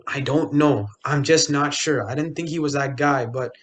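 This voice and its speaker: A man's voice: mid-range voice, normal speed. A young man co-hosting a casual sports podcast, talking loosely with lots of fillers, restarts and jokey asides. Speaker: podcast co-host.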